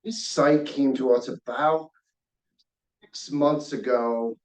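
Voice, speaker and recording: At a community meeting, a man with a mid-range voice presents a real estate development plan, speaking haltingly, restarting often and repeating words. He sits far from the speakerphone on a video call, so the reverberant audio is distant and choppy, with dropouts and clipped word endings.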